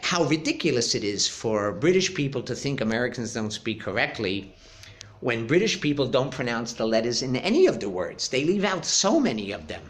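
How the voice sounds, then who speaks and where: A man's voice: medium pitch, very animated, normal speed. A middle-aged man, an English teacher, telling a classroom story in a casual monologue, emphatic and opinionated. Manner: opinionated, emphatic, acts out quoted dialogue.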